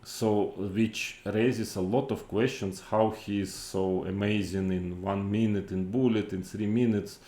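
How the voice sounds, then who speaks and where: A man giving off-the-cuff chess commentary in an exasperated, incredulous, critical way, with halting, repetitive phrasing and rhetorical questions. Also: fairly low pitch, steady tone, mellow, roomy sound.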